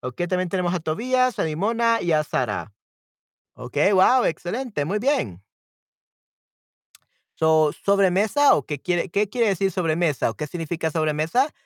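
A man hosting a live-stream language lesson, cheerful and quick to laugh, repeating phrases slowly and switching between two languages. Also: sits high, sing-song, no echo, clean studio sound.

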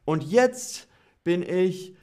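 A man teaching a language lesson on a live stream, speaking at a very slow, deliberate pace. His pitch moves up and down a lot. He repeats each example sentence carefully and responds to viewers' comments. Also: lively intonation, a little mellow. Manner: reads out viewer comments and answers them. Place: streaming setup, indoors.

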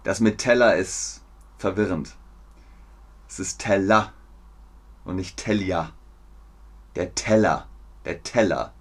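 A man's voice: sits low, animated, a little slow, pauses often, husky. A man teaching German pronunciation on a live stream, repeating words with exaggerated care and answering viewers in the chat. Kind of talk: live-streamed language lesson.

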